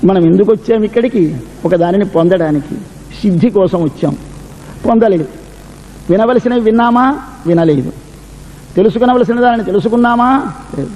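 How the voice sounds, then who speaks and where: High-voiced man giving a devotional discourse. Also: warm tone, big-room sound, a little hiss or hum, low-quality recording. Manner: explains scripture line by line, quoting Sanskrit verses and paraphrasing. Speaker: religious discourse speaker.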